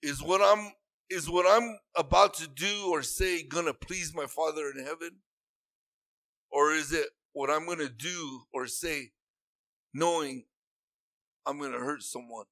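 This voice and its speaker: A man's voice: on the high side, unhurried, long pauses, sharp tone, no echo. A man preaching a sermon in an earnest, repetitive way that rises into emphatic bursts.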